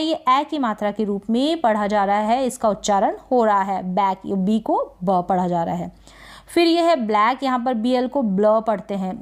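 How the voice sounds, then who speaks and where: Patient woman teaching English reading. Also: a little high. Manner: drills words slowly, asks and answers her own questions. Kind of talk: spelling and pronunciation lesson.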